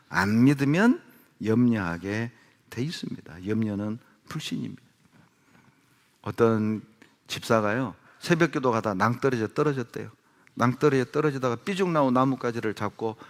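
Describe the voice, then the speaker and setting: A middle-aged man preaching a sermon as pastor, emphatic and animated, often asking rhetorical questions. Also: medium pitch. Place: church hall with long reverb. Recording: reverberant church hall recording.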